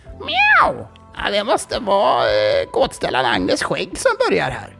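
An eager glitter cat girl from a children's story , voiced by a man, who yelps a squeaky meow before she talks. Her voice jumps high and swoops around brightly, with a little gravel underneath. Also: huge pitch swings, music in the background, heavily acted.

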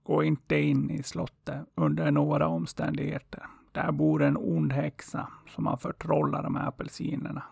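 A man voicing a wise old male merchant in a fairy tale, giving a prince patient, earnest instructions in a husky, gravelly voice. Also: on the high side, few pauses, darkish tone, dry recording, studio quality, heavily acted. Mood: earnest advice. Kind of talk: storybook role-play.

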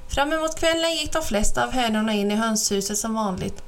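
Female storyteller, children's book reading, calm and clear, slightly high voice.

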